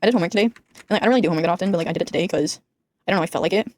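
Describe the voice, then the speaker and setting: A teenage girl, a gaming YouTuber, rambling casually over her gameplay at home in a deliberately flat, monotone voice, filling her talk with "like.". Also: lowish voice, slight background noise. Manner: rambling, flat monotone delivery, says "like" constantly.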